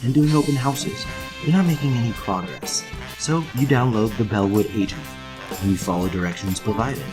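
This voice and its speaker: A man's voice: fairly low pitch, normal speed. A man reading a scripted ad in short, punchy, upbeat lines. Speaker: ad voice-over. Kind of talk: scripted ad narration. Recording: voice-over with loud music. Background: guitar music.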